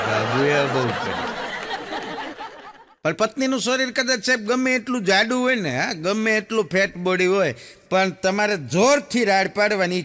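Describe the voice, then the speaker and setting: A man's voice: sits high, fairly bright tone, slight background noise. A man doing stand-up comedy, telling jokes and acting out the people in them while the audience laughs. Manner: storytelling, acts out quoted characters, frequent audience laughter. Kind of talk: Gujarati stand-up joke telling.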